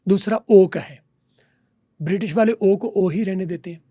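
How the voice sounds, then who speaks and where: A male English teacher, guesting on a podcast interview, explains in a lecturing manner, drilling and repeating example words and asking quiz questions. His warm voice sits high, at a normal speed, with a dry, close sound and no room noise.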